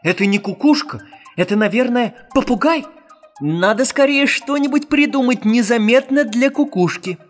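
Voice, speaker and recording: A man's voice: very high-pitched, animated, extremely slow, sharp tone, big-room sound, faint music behind, voice pushed up, exaggerated voice. A man voicing a fussy, easily outraged little male gnome in a storybook, exclaiming indignantly.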